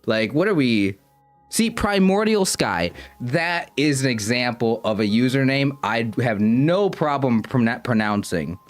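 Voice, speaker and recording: A man's voice: medium pitch, lively intonation, unhurried, faint music behind. A young man streaming and chatting casually with his viewers, rambling and self-conscious, often stumbling and restarting his sentences. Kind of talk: casual livestream chat with viewers.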